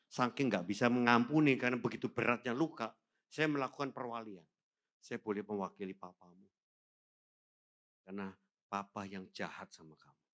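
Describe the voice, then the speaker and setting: A middle-aged man preaching a sermon as pastor, telling stories with animated emphasis. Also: mid-range voice. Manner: animated storytelling, rising loud on emphasis.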